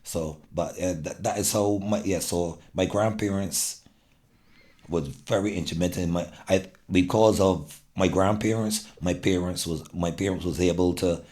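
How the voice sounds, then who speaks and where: A middle-aged man with a Barbadian accent talks in a very deep voice. He is earnest and sincere, often stopping and restarting mid-sentence as he gathers his thoughts. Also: darkish tone. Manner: earnest, halting, many restarts. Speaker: guest. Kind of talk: casual interview.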